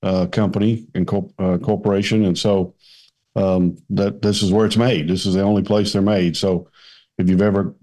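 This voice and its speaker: A middle-aged man with a West Kentucky twang, chatting as a podcast guest in a folksy, halting way. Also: low-pitched, level tone, mellow. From Kentucky, United States. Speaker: podcast guest, men's ministry leader. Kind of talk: casual conversational interview.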